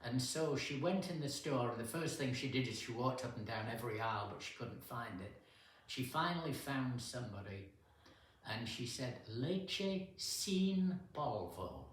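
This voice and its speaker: An older man telling a relaxed story to a church men's group, unhurried, with pauses and fillers. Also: mid-range voice. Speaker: guest speaker at a men's fellowship. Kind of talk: casual storytelling talk. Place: church hall. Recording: echoey room, distant mic, faint hiss.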